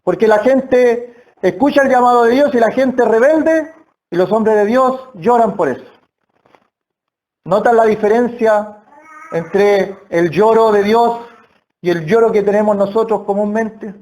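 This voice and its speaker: High-voiced Spanish-speaking preacher, slow and earnest. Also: male voice, darkish tone. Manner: earnest, slow emphatic phrasing with repetitions. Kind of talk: sermon. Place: church hall.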